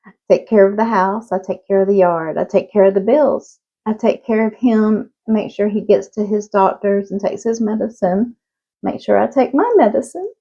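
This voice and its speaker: A woman in her fifties from the Southern United States, with a Southern accent, talks casually and frankly to camera as a vlogger, laughing between thoughts. Her voice is mid-range and warm, her pace moderate, and the audio sounds dull.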